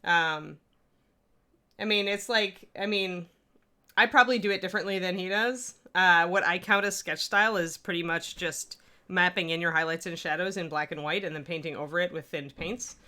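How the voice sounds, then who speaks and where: Painting miniatures on a livestream, a woman with a Midwestern accent gives a casual tutorial, rambling loosely and answering chat as she works. Her voice is fairly low for a woman yet bright and forceful, at a moderate pace.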